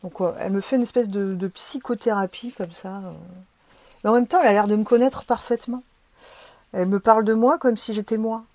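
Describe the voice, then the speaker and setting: A woman's voice: medium pitch, fairly even intonation, a little fast, a little mellow, no echo. A woman telling a personal experience in vivid, emotional, hesitant speech.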